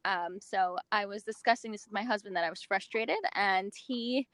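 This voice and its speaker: A woman from the States, a magazine founder, talking casually as an interview guest and pausing often with fillers and restarts. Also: medium pitch, fairly bright tone. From United States. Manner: hesitant, many fillers and restarts.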